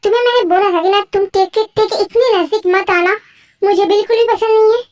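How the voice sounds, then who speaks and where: A woman's voice: very high-pitched, steady tone, fast. A woman voicing a jealous, possessive young male professor in a fan-made audio drama. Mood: angry. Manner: scolding, sharp. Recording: faint music behind.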